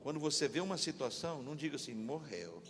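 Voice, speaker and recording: A man pastor preaching a lively sermon in a church, leading the congregation to repeat after him. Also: fairly high pitch, quick pace. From Brazil. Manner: animated, call-and-response with congregation. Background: instrumental music.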